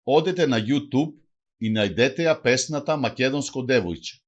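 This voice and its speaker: A man's voice: medium pitch, muffled recording. A man with a Greek accent reading a language lesson aloud, saying phrases one by one and then translating each. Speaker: language teacher.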